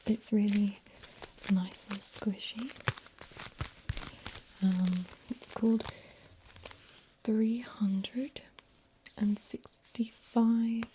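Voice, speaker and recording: A breathy library whisper from a woman in a whispered role-play as a sassy librarian. She takes her time, with unhurried phrasing and gentle cheek. Clear background noise sits behind her voice. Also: medium pitch, little pitch movement, poor audio. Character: sassy female librarian pushing books on a visitor.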